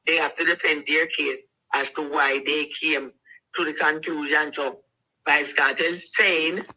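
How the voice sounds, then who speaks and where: A Jamaican man co-hosting a relaxed talk show. His voice sits a little high and rings very bright and edgy. He explains things patiently and methodically. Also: a little slow, rough recording. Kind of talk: casual talk-show discussion.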